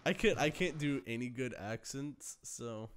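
A man's voice: mid-range voice, lively intonation, measured pace, fairly bright tone. A man chatting and joking with friends over voice chat while playing an online game. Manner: joking, laughs often. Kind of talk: casual gaming voice chat.

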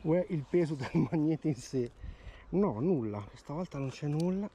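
A man's voice: on the high side, normal speed, slight background noise. A man magnet fishing by a river, chatting through his finds in a casual vlog and repeating words when something turns up. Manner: excited, repeats words while pointing out finds. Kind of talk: casual outdoor vlog commentary. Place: outdoors by a river.

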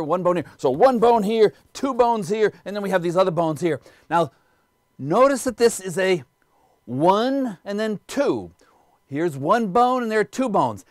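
A man's voice: high-pitched, no echo, studio quality. A man giving a biology lecture, explaining things step by step and pointing them out as he goes.

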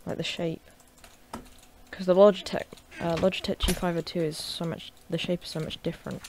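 Woman gamer reviewer, low-pitched and gravelly, casual desk commentary with sudden loud yells. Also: little pitch movement, brisk, background noise. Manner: chatty and offhand, bursting into loud shouts while gaming. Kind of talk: casual unboxing and gameplay commentary. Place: at a desk at home.

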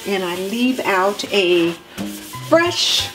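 A woman in her home kitchen, walking viewers through cleaning her sink step by step in a relaxed, practical way. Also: medium pitch, extremely slow. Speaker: homemaking vlogger. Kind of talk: cleaning tutorial narration. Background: background music.

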